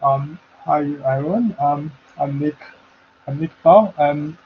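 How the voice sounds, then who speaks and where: Guest speaker, man, bad connection: muffled, dull video-call audio with faint hiss, halting delivery. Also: a little high. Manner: halting, checking if he is heard. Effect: muffled audio over a bad call connection. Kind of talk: online talk, opening remarks.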